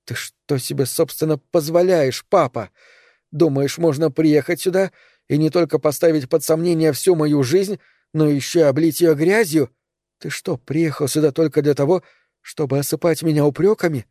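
A man's voice: a little high, normal speed, mellow, dry recording, clean studio sound, pitched above the performer's own voice, lightly acted. Man voicing a distraught, fiery young daughter. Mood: indignant. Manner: pleading, raised.

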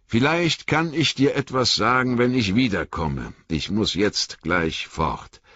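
A man reading an audiobook, voicing an old, grave and cautious male wizard who speaks in measured warnings. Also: mid-range voice, bright, forceful tone, voice pushed up. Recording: dull lo-fi audiobook recording.

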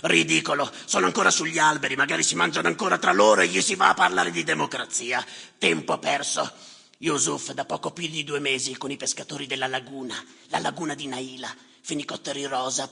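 Performing a theatrical monologue, a man voices a bitter, callous clerk who tallies the drowned by number. His full character voice is gravelly, raspy and sharp, brisk in pace, muttering scornfully and lurching erratically from low grumbles to outbursts, all wrapped in long reverb.

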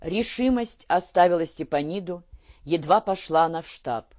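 A man narrating an audiobook of a historical novel in a measured, even storytelling manner. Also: a little high.

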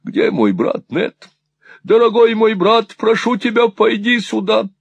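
A man voicing a flustered, kindly elderly gentleman in an audiobook, speaking high, excited and drawn out. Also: unhurried, creaky, slightly rough, no room sound, exaggerated voice. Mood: fussing urgent.

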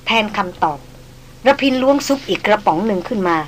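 A woman narrating a novel in an even, measured reading voice. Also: medium pitch, a little hiss or hum, low-quality recording. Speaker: audiobook narrator.

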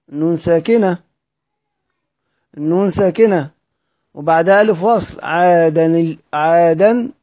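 In an explanatory lesson on Quranic readings, a man with an Egyptian accent and a fairly high, slightly mellow voice poses questions to his listeners, repeats them, then answers them himself. The recording has no echo.

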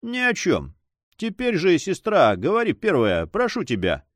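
A man's voice: high-pitched, wildly swooping pitch, a little slow, no room sound, studio quality, voice pushed up, exaggerated voice. A man reading a story aloud, voicing a carefree young nobleman who banters ironically with his sister. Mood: teasing. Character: teasing, carefree young nobleman, Don Sancho.

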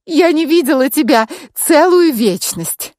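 A woman voicing an excitable female friend who speaks in high, loud exclamations in an audiobook. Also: takes it slowly, no room sound, clean studio sound, exaggerated voice. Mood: excited.

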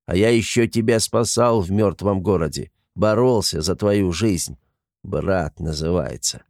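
A man voicing a small, simple-hearted male creature who talks in an excitable, touchy way, reading an audiobook. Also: no echo, studio quality. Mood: offended. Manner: squeaky, excitable, quick to take offense.

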